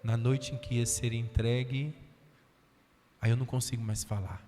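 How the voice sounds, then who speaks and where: In a reverberant auditorium with faint background music, a priest leads a healing-retreat sermon in a dark, mid-range voice that barely moves in pitch. At a normal pace, he tells stories, voices the characters, and questions the crowd.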